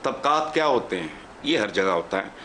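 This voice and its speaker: A man's voice: lowish voice, expressive, moderate pace, bright, forceful tone, slight background noise. A man speaking as an analyst on a talk show panel, blunt and rambling, dropping English phrases into his commentary.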